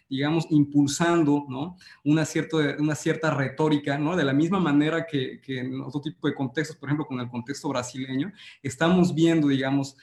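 A man's voice: fairly high pitch, a little mellow. Hesitant male host in an echoey room. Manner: hesitant, searching for words, many fillers. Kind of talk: conversational interview.

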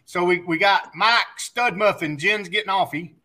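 A man's voice: high-pitched, normal speed, pushed and bright. A man hosting a casual podcast, joking and teasing his guests and stumbling over their names. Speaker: podcast host. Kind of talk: casual chat.

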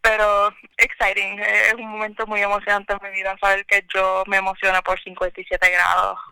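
Young woman on a phone call, really bright voice, kinda even tone, dry sound, chatting in spanglish. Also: medium pitch, a little fast, gravelly, clear, resonant tone, no room sound. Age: young adult. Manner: Spanglish, dropping English words into Spanish. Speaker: podcast guest. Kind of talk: casual chat. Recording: voice over a phone line.

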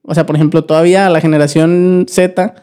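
Young Mexican man, casual podcast talk, slangy, higher-set mellow tone. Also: brisk, smooth. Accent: Mexican Spanish. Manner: relaxed slangy, frequent restarts and fillers. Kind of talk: casual chat.

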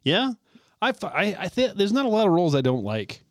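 A man's voice: high-pitched, sing-song, brisk, no echo, clean studio sound. Laid-back, foul-mouthed young man. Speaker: podcast co-host. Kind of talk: casual chat.

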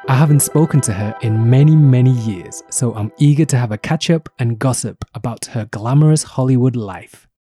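A man's voice: mid-range voice, moderate pace, hardly any pauses, dark tone, slightly rough, faint music behind. A man, hosting a podcast in casual chat and laughing often. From England. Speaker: podcast host.

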